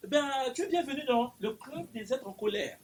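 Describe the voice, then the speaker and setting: A man's voice: very high-pitched, expressive, moderate pace, distant mic, a little hiss or hum. A man voicing an ancient male spirit of anger who exclaims in a raised voice. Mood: welcoming.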